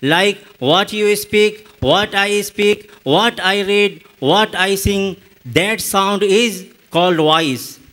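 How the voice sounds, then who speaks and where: This is a man teaching spoken English in an Indian English accent, his voice high and fairly bright. He goes slowly and carefully, giving examples again and again.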